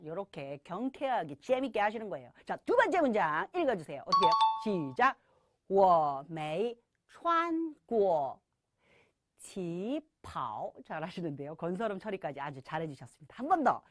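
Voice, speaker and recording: A middle-aged woman teaching a language lesson, leading students in repeated drills with call-and-response cues and slowly modeled phrases. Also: mid-range voice, no echo, studio quality.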